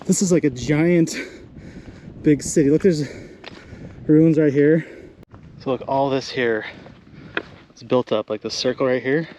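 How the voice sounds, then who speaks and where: A man filming himself as he hikes outdoors, out of breath and exclaiming excitedly on a handheld camera mic. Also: mid-range voice, a little slow, pauses often, a little hiss or hum. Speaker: vlogger exploring ruins. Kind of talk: excited on-the-spot hiking commentary. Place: outdoors on a hilltop.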